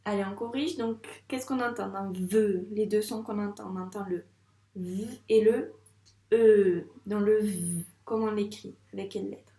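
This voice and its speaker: A woman teacher with a French accent, slowly and patiently sounding out syllables in a dictation lesson for a young child. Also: medium pitch, steady tone, dark tone. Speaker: first-grade teacher. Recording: echoey room sound.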